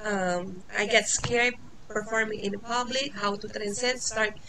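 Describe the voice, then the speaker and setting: This Tagalog-speaking Filipino teacher, in her forties, delivers a casual lecture in English with frequent fillers, restarts and small laughs. Her medium-pitched voice stays steady and measured against a noisy background.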